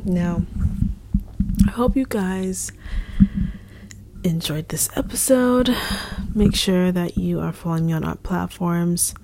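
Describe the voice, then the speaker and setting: A young woman speaks as a ministry leader in a casual devotional talk, slow and earnest, repeating her points. Her voice sits a little low and sounds mellow. She often slips into a soft, half-whispered delivery. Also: steady tone, vocal fry. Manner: earnest, repetitive, soft-spoken with whispery stretches.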